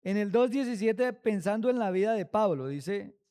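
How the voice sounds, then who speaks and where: A man preaching at a Bible study. He speaks slowly and with emphasis, asking many rhetorical questions. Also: sits high, expressive, dark tone, clean tone.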